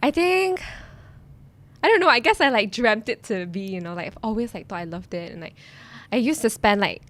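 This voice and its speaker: A woman's voice: on the high side, lively intonation, fairly quick, fairly bright tone. A young woman, a teacher and content creator, chatting as a podcast guest, friendly and laughing often. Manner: friendly, laughs often, many likes and ums. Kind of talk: casual interview chat.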